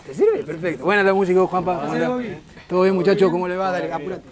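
A man's voice: sits high, lively intonation, fast, voice pushed down. A man voicing a cheeky male puppet with a Rioplatense Argentine accent, greeting a crowd with crude, teasing banter.

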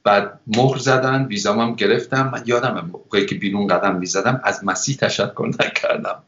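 A man's voice: on the low side, a bit bright, reverberant, muffled recording. A man from Iran giving a personal conversion testimony as a guest speaker, talking conversationally and acting out remembered conversations. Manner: conversational storytelling, acts out remembered dialogue. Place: church.

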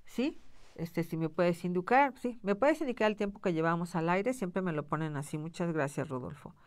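Lowish-voiced woman teaching. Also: expressive, normal speed, no room sound. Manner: conversational, frequent "este" fillers and "¿sí?" check-ins. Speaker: thanatology instructor. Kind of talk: live broadcast lecture.

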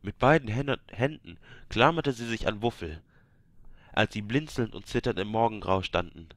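A man reads a fantasy game book aloud in a low voice. He breaks off now and then to joke with his listeners. The recording is dry and close. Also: animated, moderate pace, no room sound. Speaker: reader of game books. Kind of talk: reading aloud with joking asides.

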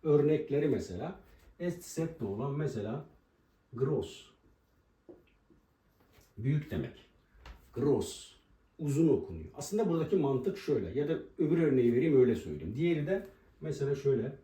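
A man teaching a language lesson at a board, explaining pronunciation and slowly repeating each example word. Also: mid-range voice, big pitch swings, warm tone. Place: room with a writing board. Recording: roomy echo, voice from a distance.

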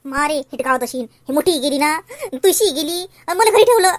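A woman's voice: sits high, expressive, normal speed. Woman playing a bitter, ranting village woman. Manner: ranting, loud and scolding. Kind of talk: village comedy sketch.

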